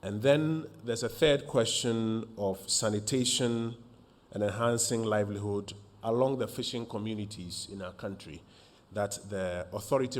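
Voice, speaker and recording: A man, a government minister opening a press briefing in a formal, measured way with frequent fillers. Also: fairly low pitch.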